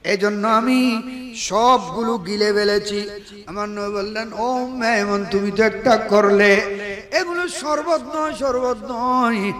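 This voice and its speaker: High-voiced preacher shouting into a hall. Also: male voice, takes it slowly. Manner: storytelling, swings from quiet to shouting. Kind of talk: sermon at an outdoor religious gathering. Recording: reverberant PA sound with a crowd.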